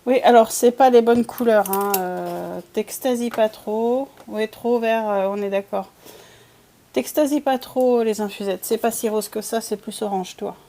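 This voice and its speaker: A woman's voice: on the high side, a little slow, vocal fry, dark tone. A woman chatting casually while painting, thinking aloud and answering viewers' comments in a playful put-on accent. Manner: playful, puts on a random accent. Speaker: streamer painting with watercolors.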